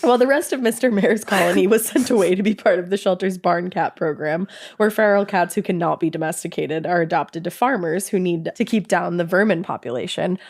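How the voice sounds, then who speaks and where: A woman co-hosting a podcast, reading a listener's story aloud in a casual, animated, profane way and laughing as she goes. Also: lowish voice, a little fast, hardly any pauses.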